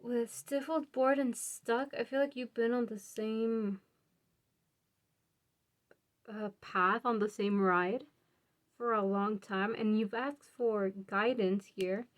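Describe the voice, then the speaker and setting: Slow-talking, chatty woman tarot reader. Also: medium pitch, steady tone. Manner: chatty, laughs often, muses aloud. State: a bit out of breath. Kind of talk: casual pick-a-card tarot reading.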